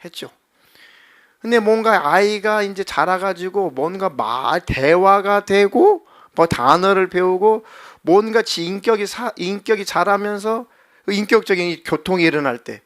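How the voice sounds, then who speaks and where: A middle-aged man preaching a sermon as a pastor in a church, animated and acting out voices as he talks. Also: sits high, a little slow. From South Korea. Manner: animated, acts out children's and God's voices. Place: church sanctuary.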